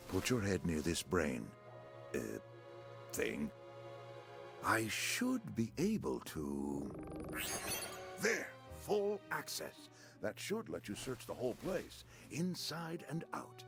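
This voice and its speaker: A man voicing a weary, solemn senior secret agent who speaks gravely and deliberately in a video game. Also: on the low side, wildly swooping pitch, over music, full character voice. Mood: concerned.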